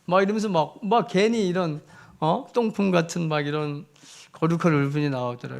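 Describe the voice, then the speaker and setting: A fairly high-voiced male missionary preaches in a church, telling his story with lively swings of loudness. He piles on fillers as he speaks, and his tone stays conversational. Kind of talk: storytelling sermon.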